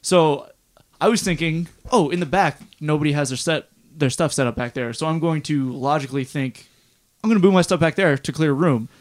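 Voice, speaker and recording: Young male drummer-host, slightly high pitch, rambling and profane. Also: a little fast. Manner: rambling, swearing, laughing storyteller. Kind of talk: casual chat.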